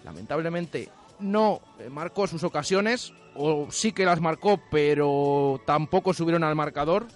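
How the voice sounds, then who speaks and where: A man's voice: on the high side, expressive, a little slow. A man with an accent from Spain co-hosting a sports radio chat, emphatic and repeating phrases to stress them. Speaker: co-host of a local sports radio show. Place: radio studio. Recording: music bed behind.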